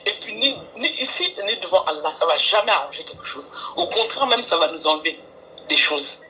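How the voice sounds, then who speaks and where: A woman calling in to a live stream, talking earnestly and pleading for calm. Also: fairly low pitch, brisk, a little hiss or hum, low-quality recording. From France. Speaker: caller. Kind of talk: phone call on a live stream.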